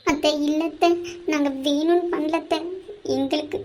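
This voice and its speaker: A woman's voice: sits high, steady tone, moderate pace, darkish tone, soft background music, lightly acted. A woman voicing a nervous young woman in a cartoon, an apologetic niece who stammers and pleads. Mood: nervous pleading. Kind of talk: cartoon voice acting.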